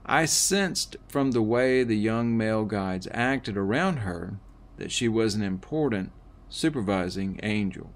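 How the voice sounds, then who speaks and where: A man narrates a first-person book in a slightly low voice. He reads very slowly and deliberately, with the occasional slip and restart. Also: lively intonation. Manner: slow, measured reading with small slips and restarts. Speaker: audiobook reader.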